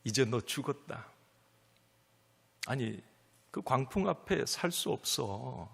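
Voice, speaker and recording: A preacher hushing into a low taunting devil. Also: male voice, expressive, creaky, breathy edge, in a large hall, exaggerated voice. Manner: low, hushed, slow taunting. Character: taunting devil, male, whispering despair.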